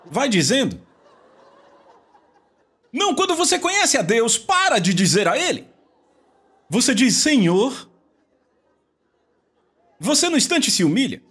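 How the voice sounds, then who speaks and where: A male preacher with a husky, breathy voice that sits fairly high. His delivery swings widely in pitch as he mocks how people pray and bursts into shouts. It is a lively, theatrical sermon. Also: moderate pace, long pauses. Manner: animated, mocking mimicry of believers, rising to shouts.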